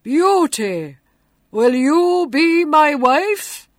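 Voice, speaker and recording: A woman voicing a gentle, humble male beast who speaks loudly and draws his words out. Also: high voice, sing-song, drawn-out words, no echo, clean studio sound, pitched above the performer's own voice, exaggerated voice. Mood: plaintive.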